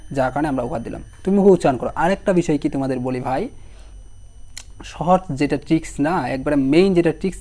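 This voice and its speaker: Hoarse young man teaching a spelling lesson. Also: fairly high pitch, dark tone. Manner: repeats each word slowly while spelling it out, asking the students questions. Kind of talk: online exam-prep lesson.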